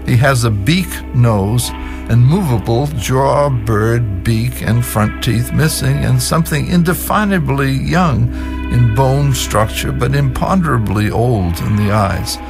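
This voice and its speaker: A man's voice: medium pitch, slow pace, vocal fry. A man reading screenplay stage directions in a matter-of-fact way for an audio drama. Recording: music playing behind.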